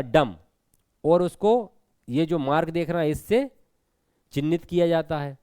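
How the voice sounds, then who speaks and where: A man's voice: a little high, warm tone, clear, resonant tone, dry recording. A man teaching an exam preparation lesson with a Hindi accent, explaining step by step and asking students questions. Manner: explanatory, repeats points, asks students questions.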